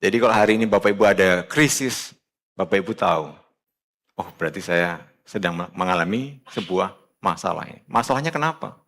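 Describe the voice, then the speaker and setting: Male pastor, sermon; colloquial, direct address, shifts between quiet earnest and raised emphatic exhortation. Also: expressive, brisk. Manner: emphatic, swings from low earnest tones to loud raised exhortation. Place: church.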